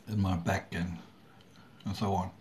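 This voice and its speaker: A middle-aged man chats to the camera in a low voice. He goes very slowly and haltingly, pausing often and clearing his throat. The home recording has noticeable background noise. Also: flat delivery, darkish tone. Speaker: vlogger. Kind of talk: casual talk to camera. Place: small room at home indoors.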